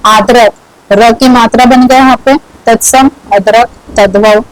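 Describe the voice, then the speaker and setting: A woman's voice: fairly high pitch, fairly even intonation, measured pace, no room sound, poor audio. A woman teaching a grammar lesson, repeating each word and asking and answering her own questions as she explains.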